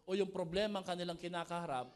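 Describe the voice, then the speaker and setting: A male pastor preaching a sermon to a live congregation, animated and jokey, often asking the people questions. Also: high voice, fast, a little hiss or hum. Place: church service before a live congregation.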